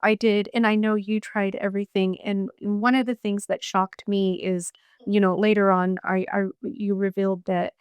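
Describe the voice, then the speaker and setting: A woman's voice: medium pitch, flat delivery, normal speed, smooth, dry recording. A woman hosting a podcast, listening closely and chiming in to affirm her guest. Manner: attentive, affirming with frequent murmurs. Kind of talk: casual chat, supportive listening.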